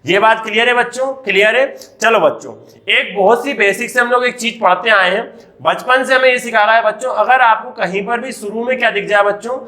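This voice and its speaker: A man's voice: sits high, a little fast, sharp tone. An Indian man teaching English grammar in a classroom, asking his students questions and answering them himself. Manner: repeatedly asks and answers his own questions, addressing children. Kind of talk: classroom lecture.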